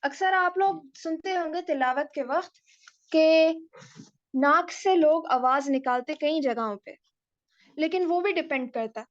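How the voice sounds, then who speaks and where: A woman explains recitation rules at an unhurried, deliberate pace, stopping to sound out each letter. Her voice sits high and light. The recording is dry and a little muffled. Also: dry recording. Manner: patient, deliberate, demonstrating letter sounds aloud. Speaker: Quran recitation teacher. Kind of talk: slow explanatory lesson mixing Hindi-Urdu and English.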